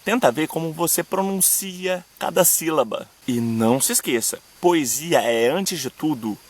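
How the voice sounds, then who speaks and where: A young Brazilian man with a Brazilian Portuguese accent, hosting a video lesson on poetic meter, speaking to viewers directly and slowing down to recite verse examples. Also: on the high side, expressive. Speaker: poetry teacher and channel host.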